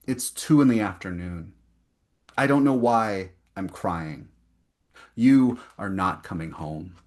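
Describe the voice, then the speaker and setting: A man's voice: low voice, expressive. Man reading poems at an online event. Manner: slow, deliberate reading with rising emphasis on repeated lines; chatty, filler-heavy asides between poems. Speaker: poet reading his work. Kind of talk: poetry reading with casual asides.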